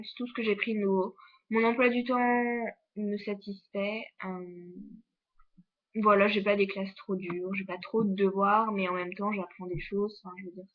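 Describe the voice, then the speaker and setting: Chatty teenage girl, lo-fi vlog. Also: medium pitch. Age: teens. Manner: chatty, many fillers and restarts. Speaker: exchange student vlogger. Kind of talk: casual vlog monologue.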